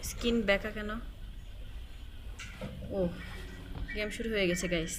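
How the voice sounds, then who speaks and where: A gaming video host with a Bangladeshi accent and a medium-pitched voice gives casual, informal commentary at a measured pace while playing a horror game for viewers. Eerie horror game music plays behind her, along with some background noise.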